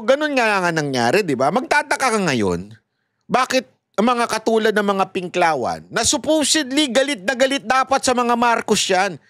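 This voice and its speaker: A man delivering mocking, fired-up political commentary, his high voice swinging widely up and down. The sound is close and dry, with no room around it. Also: a bit bright, no room sound. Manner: mocking, heated and sarcastic, addressing viewers directly. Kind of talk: casual political commentary to viewers.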